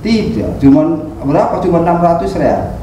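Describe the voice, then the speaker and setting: A man's voice: fairly high pitch, big pitch swings, moderate pace, warm tone. A middle-aged man from Indonesia, a guest telling his story in a plain, modest way. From Indramayu, Indonesia. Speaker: interview guest, decorator. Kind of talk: casual interview chat. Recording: very echoey, distant, noisy room.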